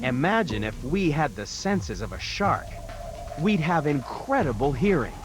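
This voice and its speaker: A man reads scripted nature documentary narration. His medium-pitched voice swings expressively up and down, and music runs behind it. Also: sing-song, measured pace.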